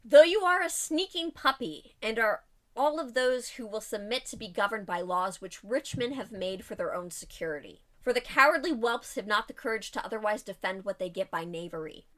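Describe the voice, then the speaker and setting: A woman's voice: medium pitch, animated, normal speed, a bit bright, close to an everyday voice. A woman voicing a defiant male pirate captain, reading his speech in an epic, scholarly manner.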